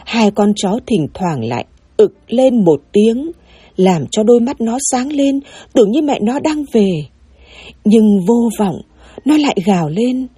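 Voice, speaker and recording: A woman narrating a sad story in an expressive, emotional way. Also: on the high side, unhurried, slightly rough, no echo.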